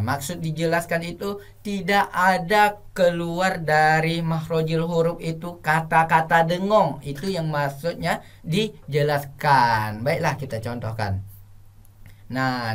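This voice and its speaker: Slow, patient male religious teacher. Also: fairly high pitch. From Indonesia. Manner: slow, patient, demonstrates Quranic recitation examples. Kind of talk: recorded tajwid lesson for pupils.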